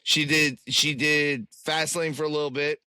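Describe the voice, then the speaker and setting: A man with a higher, bright and tense voice chatting on a casual podcast. His tone is wry and he rambles into asides, recorded dry and close. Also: little pitch movement, moderate pace, smooth, no echo. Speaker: podcast co-host. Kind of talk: casual chat.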